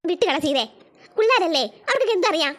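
A woman's voice: extremely high pitch, very animated, quick pace, fairly bright tone, a little hiss or hum, full character voice. A woman voicing a fretful old grandmother in a cartoon, weary and pleading.

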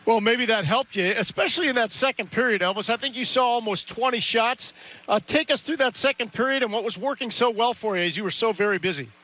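A man's voice: very high voice, fast, sharp tone. A middle-aged man on a headset, interviewing a player live after a game with upbeat, direct questions. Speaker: broadcast interviewer.

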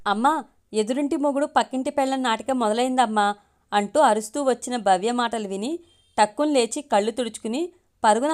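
A woman narrates a family story for listeners, in a voice set somewhat high. Her read-aloud delivery moves smoothly and steadily from line to line.

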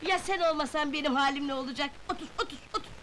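A woman's voice: sits high, racing, a bit bright. An actress playing a kind, motherly older landlady who soothes people and quotes proverbs, in an old film. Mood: warm, consoling. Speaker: boarding house owner. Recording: old film soundtrack with clear hiss.

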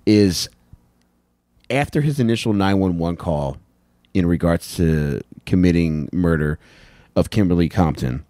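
An American man co-hosts a casual comedy podcast, swearing and cracking crude jokes in a deep, mellow, unhurried voice. He holds a handheld mic close in a small wood-panelled room indoors, and there's no echo.

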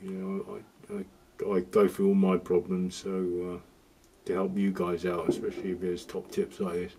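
A man's voice: low voice, flat delivery, moderate pace, mellow, a little hiss or hum. A man giving a rambling, casual walkthrough of a boiler repair, often restarting his sentences and adding jokey asides. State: cold. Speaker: DIY video host.

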